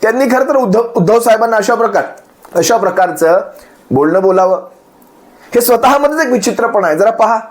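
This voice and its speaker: A man's voice: sits high, expressive, fairly quick. A man speaking as a party spokesperson, attacking a rival with rhetorical questions and repeated phrases. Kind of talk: political speech addressing opponents.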